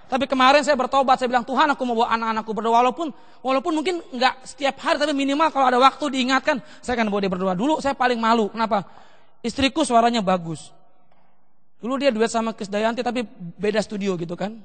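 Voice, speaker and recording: Man, pastor, high voice, bright, lively seminar sermon, echoey hall. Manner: lively, acts out children and parents in quick voices.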